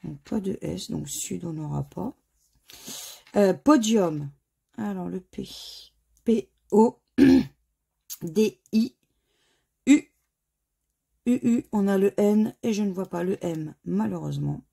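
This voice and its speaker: A woman from France commenting as she scratches lottery tickets, spelling out letters one by one in a slightly hoarse voice. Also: mid-range voice, slow, pauses often, mellow. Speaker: scratch-card video host. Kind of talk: casual scratch-card commentary.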